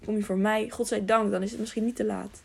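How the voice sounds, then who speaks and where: A woman reading the lines of a gravely wounded, proud masked knight who speaks in a weak whisper. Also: mid-range voice, steady tone, fast talker, darkish tone.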